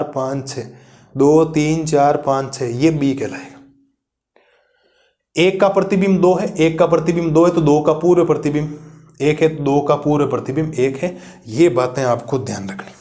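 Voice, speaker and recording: Soft-toned man teaching a maths lesson. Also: a little high. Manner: explains step by step, asks the class rhetorical questions; reassuring and encouraging. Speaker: math teacher. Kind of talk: classroom lecture video.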